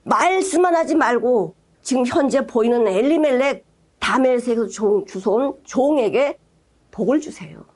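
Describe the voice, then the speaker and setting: A woman's voice: a little high, expressive, moderate pace, a little mellow. A woman voicing Abraham as an anxious old man, complaining and pleading with irritation. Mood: irritated pleading.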